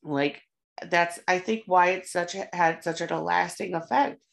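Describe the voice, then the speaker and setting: Gravelly-voiced chatty woman podcaster. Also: lowish voice, unhurried. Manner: chatty, swears freely, many fillers. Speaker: podcast co-host. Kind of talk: casual horror podcast chat.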